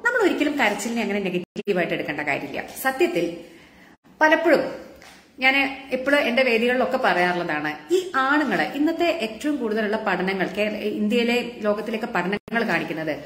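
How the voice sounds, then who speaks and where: A woman's voice: medium pitch, big pitch swings, normal speed, fairly bright tone, echoey room. A woman doctor giving a casual live-stream health talk, chatting with viewers and asking them rhetorical questions. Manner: conversational, asks the audience rhetorical questions.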